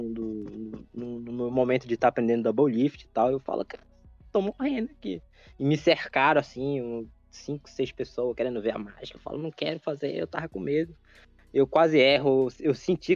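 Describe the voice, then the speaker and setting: A young man on a casual podcast, excitedly telling stories full of slang. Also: mid-range voice, no room sound. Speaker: podcast co-host. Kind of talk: casual chat. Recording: dry, dull lo-fi with faint music.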